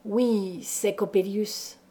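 A woman's voice: a little high, darkish tone. A woman voicing a grim, resigned father with a hollow, broken voice in a storybook reading. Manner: hollow, slow and subdued.

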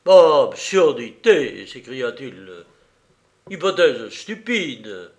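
Indignant police prefect in a storybook reading, read by a man, slow and emphatic. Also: medium pitch, close to an everyday voice. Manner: indignant, emphatic, stumbling protests. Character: agitated man, a police prefect, middle-aged.

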